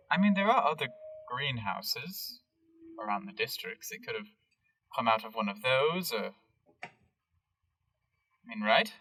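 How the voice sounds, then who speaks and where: A man's voice: mid-range voice, bright, forceful tone, slightly rough, no echo, far from the mic, full character voice, low-quality recording. A man voicing a weary, apologetic greenhouse keeper who hesitates and trails off.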